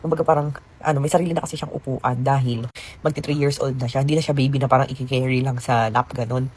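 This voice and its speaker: A woman's voice: rumbling low, fairly even intonation, quick pace, a little mellow, slightly rough. A young woman vlogging from a hotel room, telling a rambling, chatty story with lots of fillers. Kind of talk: casual storytelling vlog.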